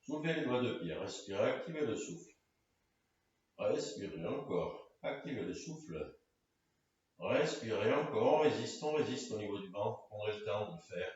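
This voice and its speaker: A man leading a guided floor-exercise session, giving calm, directive cues in short phrases. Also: on the low side, a little fast, hardly any pauses. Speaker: karate and fitness instructor. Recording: echoey room, distant mic, dull sound.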